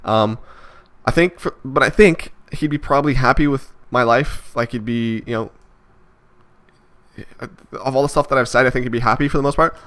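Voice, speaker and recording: A vlogger in his 20s rambles through a reflective, casual monologue, hesitating often and filling it with fillers and restarts. He speaks at normal speed in a medium-pitched, fairly bright voice.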